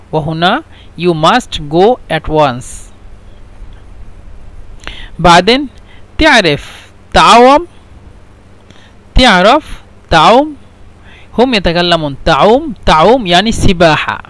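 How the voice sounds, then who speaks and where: A man's voice: sits high, fairly bright tone. A man teaching a language lesson, saying each phrase several times and glossing it in other languages. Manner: repeats each phrase slowly, switching between dialect, standard Arabic and English. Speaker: Arabic teacher.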